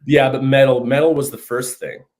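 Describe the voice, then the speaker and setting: A man's voice: mid-range voice, flat delivery, normal speed, a little mellow. A man in his fifties from northern Saskatchewan, a guest musician chatting casually over a video call and often adding "you know what I mean". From Canada, northern Saskatchewan. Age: 50s. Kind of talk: casual interview chat. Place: home room, video call. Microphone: video call mic.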